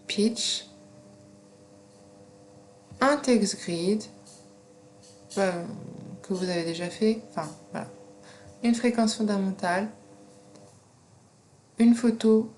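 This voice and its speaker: A woman with a non-native French accent walks students through a software tutorial at a slow, unhurried pace. She pauses often with fillers as she explains each step, recorded on a computer mic with faint background noise. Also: on the high side. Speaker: teacher.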